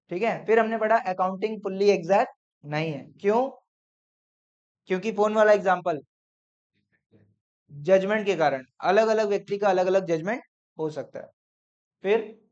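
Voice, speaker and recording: A man's voice: sits high, highs cut off. A male accounting teacher revising a lesson with his class, quizzing them and going through numbered points, mixing English terms into Hindi. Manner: drills points in numbered lists, quizzing students.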